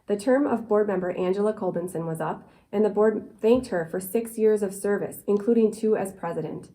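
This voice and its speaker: A woman's voice: medium pitch, fairly quick, warm tone, low-quality recording. A woman presenting scripted local community news.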